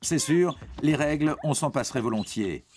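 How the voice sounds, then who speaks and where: With a slightly high, expressive, a little mellow voice at a moderate pace, a man reads educational narration scripted for young teens, with music behind him and a faint hiss or hum. He addresses listeners directly and keeps his explanations casual and reassuring.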